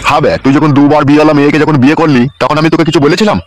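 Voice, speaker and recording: A man's voice: on the high side, steady tone, rapid-fire, slight background noise, natural voice. A man voicing a fed-up village father who rants and curses in a cartoon. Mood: ranting. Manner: ranting, cursing, exasperated. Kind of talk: cartoon voice acting.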